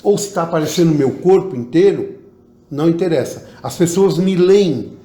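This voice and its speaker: An oratory teacher with a Southern Brazilian Portuguese accent appears as an interview guest, offering public speaking tips and demonstrating vocal emphasis. His voice is fairly high, expressive and warm, at a normal speed. The room is echoey.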